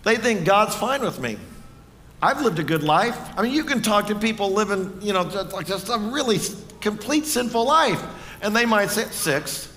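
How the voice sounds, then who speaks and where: A man's voice: high voice, animated, normal speed, a bit bright, big-room sound, a little hiss or hum. A man preaching a sermon in a church, earnest and conversational, often asking the congregation questions. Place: church sanctuary.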